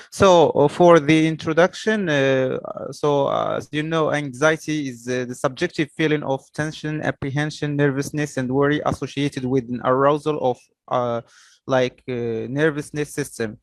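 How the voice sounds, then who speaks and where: A young man giving an academic presentation as a student, in a hesitant, halting manner with repeated words. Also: fairly high pitch, dry recording.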